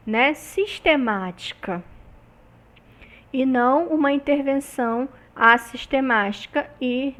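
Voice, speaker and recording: A woman with a Brazilian Portuguese accent gives a recorded university lecture. Her voice sits fairly high, and she explains step by step, closing phrases with small tag questions to her listeners. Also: a bit bright.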